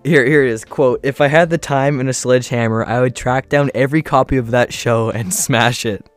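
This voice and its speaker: A man's voice: mid-range voice, a little fast, soft background music. A man hosting a casual chat with friends, rambling with lots of fillers and laughter, his mic clipping and distorting the whole time. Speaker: podcast host.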